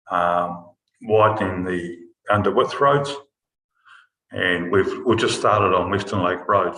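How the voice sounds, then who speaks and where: A man's voice: on the low side, a bit bright. Man on a muffled remote headset call. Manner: hesitant, with many fillers. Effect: muffled remote call audio over a headset mic. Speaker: council roading staff member joining remotely. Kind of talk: meeting explanation. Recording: echoey remote call line.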